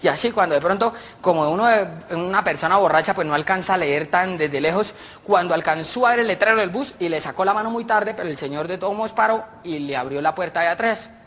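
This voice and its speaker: A man telling jokes in a lively, chatty way. His voice is bright and clear, with faint background noise behind it. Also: high-pitched, quick pace, few pauses. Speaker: joke teller. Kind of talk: radio comedy, telling jokes.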